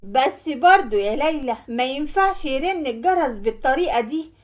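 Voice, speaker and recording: A woman voicing a sharp-tongued, stingy sister with an Egyptian Arabic accent, speaking in a scolding, snappish way. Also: high-pitched, lively intonation, normal speed. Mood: irritated.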